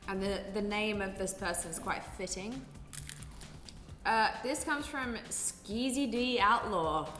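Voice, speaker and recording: A woman with a mid-pitched voice trades blunt, joking banter in casual, sweary language. She sounds like she is in an echoey room, with music clearly playing behind her. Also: measured pace. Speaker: guest on a vlog. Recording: echoey reverberant room, loud music underneath.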